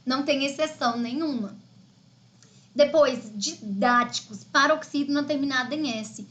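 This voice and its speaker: Bright, high-voiced Brazilian woman teacher. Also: a little slow. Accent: Brazilian Portuguese. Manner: chatty, explaining step by step with frequent "né?" and "tá?". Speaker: Portuguese teacher. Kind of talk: live online exam-prep lesson.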